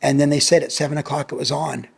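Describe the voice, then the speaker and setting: A fast-talking American in his sixties, formerly a pro surfer and a pastor, recounts a vivid story with animation as a podcast guest, repeating lines for emphasis. His fairly high voice barely moves in pitch and has a husky quality with vocal fry.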